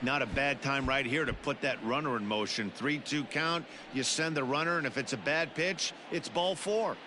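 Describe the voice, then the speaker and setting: A man's voice: mid-range voice, moderate pace, close to an everyday voice. A man playing a matter-of-fact baseball color commentator, giving conversational analysis of the game. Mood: analytical. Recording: clear background noise of ballpark ambience.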